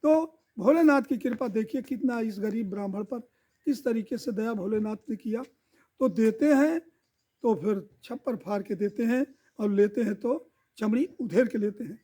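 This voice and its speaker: A man telling a devotional folk tale in a lively oral style, repeating sound words. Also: high voice, normal speed. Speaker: storyteller.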